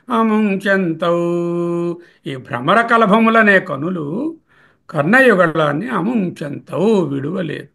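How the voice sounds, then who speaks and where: In a somewhat high, creaky, slightly bright voice, a man whose first language is Telugu explains a Sanskrit hymn one verse at a time in a scholarly commentary. He asks and answers his own questions, repeating each verse word slowly before glossing it.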